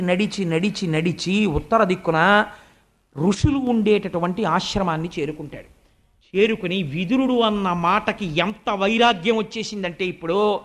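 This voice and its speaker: A man with a notably high voice delivers a devotional sermon. He tells stories in a chatty way and turns to the audience with polite asides. He slips into the quoted voices of relatives and sages as he recounts the scripture. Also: fairly bright tone. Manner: conversational storytelling with polite asides to listeners; acts out quoted speech of family members and sages. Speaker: spiritual discourse speaker.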